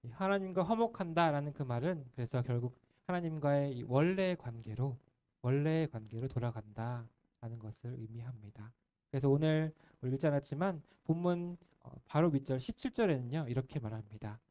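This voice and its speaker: A male pastor preaching a sermon in an earnest, gentle way, letting the ends of his phrases fall soft. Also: medium pitch, expressive, brisk. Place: church sanctuary.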